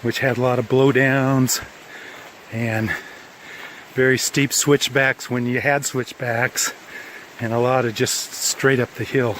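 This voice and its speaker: A worn-out man talks to his handheld camera outdoors on a mountain trail, rambling and correcting himself as he goes. His voice sits at an ordinary middle pitch. Faint outdoor noise runs underneath. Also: flat delivery, takes it slowly, fairly bright tone. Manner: rambling, self-correcting, plain-spoken. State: tired after a long hike. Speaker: hiker filming a trail vlog. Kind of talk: casual spoken trail diary.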